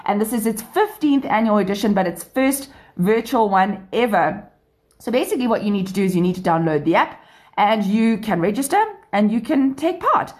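A woman's voice: medium pitch, animated, normal speed, a little mellow. A woman with a South African accent hosting a radio show, presenting in an enthusiastic, upbeat way that mixes scripted items with chat. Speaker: radio show and podcast host.

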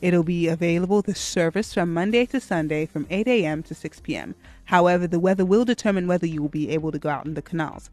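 A woman's voice: fairly low pitch, fast talker, darkish tone. A woman with a South African accent presenting a radio show in a chatty style. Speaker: radio host.

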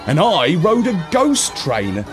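A man narrating a children's story in a playful, expressive way. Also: on the high side, takes it slowly. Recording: narration over music.

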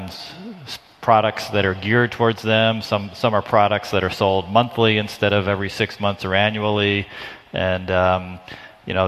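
A man on a conference panel fields audience questions in a measured way, often restarting his phrases. His voice sits fairly low. The sound carries the long reverb of a large hall. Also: a bit bright. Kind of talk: conference Q&A answer.

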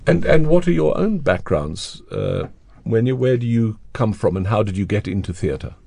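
Male radio host, low mellow voice, dry studio sound, relaxed interviewer. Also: normal speed, vocal fry, no echo.

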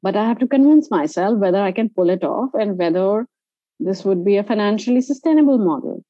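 This interview guest, founder of a travel company, has an Indian accent and an expressive, mellow mid-range voice that moves a little fast. She explains and shares personal stories conversationally, on a dry but dull, lo-fi recording.

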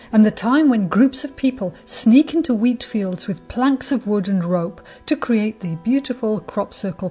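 A woman hosting a short radio segment on astronomy, telling it in a wry, measured way. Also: mid-range voice, dark tone, breathy edge. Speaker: radio host. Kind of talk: scripted radio talk on astronomy.

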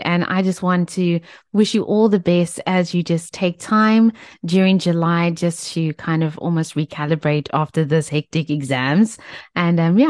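A woman's voice: on the low side, a little mellow, no room sound, studio quality. A woman hosting a radio interview, talking in an effusive, chatty way with many fillers and restarts. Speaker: radio host. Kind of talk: casual radio interview chat.

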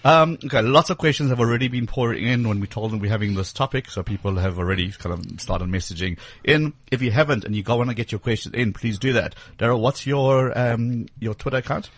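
A man's voice: medium pitch, slightly rough. A man hosting a radio tech show in studio, chatting casually and enthusiastically with lots of fillers. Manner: enthusiastic, quick, filler-heavy.

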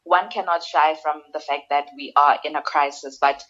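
A woman's voice: sits low, fairly even intonation, moderate pace, fairly bright tone. A woman answering interview questions conversationally as a podcast guest. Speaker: guest, social media manager. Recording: dull lo-fi remote call audio.

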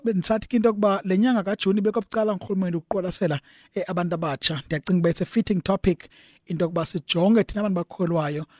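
Fast-talking, high-voiced South African Xhosa man hosting. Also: a little mellow, no echo, studio quality. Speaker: radio host. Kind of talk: conversational religious talk show hosting, switching between two languages.

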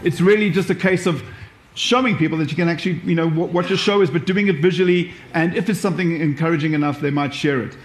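A man with a South African accent gives an informal live workshop presentation, talking through examples. His voice is a little high and his pace quick. Recorded at a live event in an echoey room, the audio carries some hiss or hum.

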